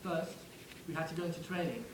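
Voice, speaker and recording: A man's voice: fairly high pitch, fast talker, reverberant, noisy background, close to an everyday voice. A man playing the ghost of a young soldier from the First World War, who speaks wryly and directly to the listener. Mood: wistful. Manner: wry, conversational, addresses the listener directly. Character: ghost of a young English WWI soldier, wry. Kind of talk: theatrical monologue.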